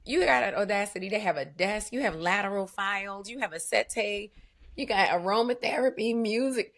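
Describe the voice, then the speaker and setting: A woman guest, a business owner, telling her story in an animated, emphatic way with vivid asides. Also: medium pitch, brisk, creaky. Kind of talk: conversational storytelling.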